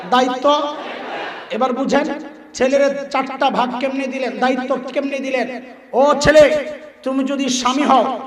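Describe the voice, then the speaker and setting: A man preaching an Islamic sermon to a crowd, quizzing the audience call-and-response style and acting out voices. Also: very high-pitched. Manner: acts out voices in quotes. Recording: echoey hall from far off.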